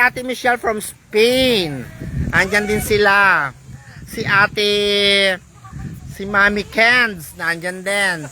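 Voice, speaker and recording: A woman's voice: medium pitch, a little hiss or hum. A woman from the Philippines livestreaming outdoors on an island beach, chatting casually and greeting her viewers one by one by name. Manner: chatty, reads out viewer names and shout-outs. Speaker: vlogger on a livestream.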